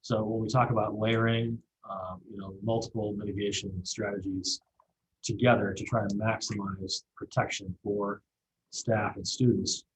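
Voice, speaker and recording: A man speaks up at a school board meeting, working deliberately through his notes. His voice is low and even, with little rise and fall. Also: poor audio.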